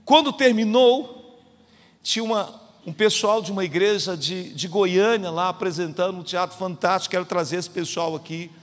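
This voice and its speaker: Brief: high-voiced male pastor, Goiás Brazilian accent, emphatic storytelling sermon, long hall reverb. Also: moderate pace. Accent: Brazilian Portuguese, Goiás. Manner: emphatic, storytelling preacher, rising to fervent peaks. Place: church sanctuary.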